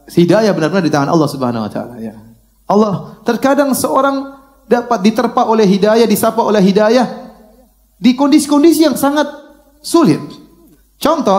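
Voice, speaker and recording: A middle-aged man preaching a sermon in storytelling style, shifting between loud exclamations and hushed quoted speech, laughing along with his audience. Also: high-pitched.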